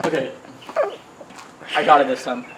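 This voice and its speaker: A man's voice: mid-range voice, steady tone, normal speed. A man hosting his own video channel, chatting casually to the camera. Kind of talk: casual vlog chat to camera. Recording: noisy home-video sound.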